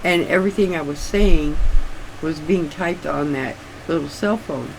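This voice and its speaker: Older woman, slow, stiff-jawed speech. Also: low-pitched, gravelly, background noise. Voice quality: slightly stiff, restricted articulation from not opening the mouth wide, like a sore jaw. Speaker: craft vlogger. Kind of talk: casual rambling chat.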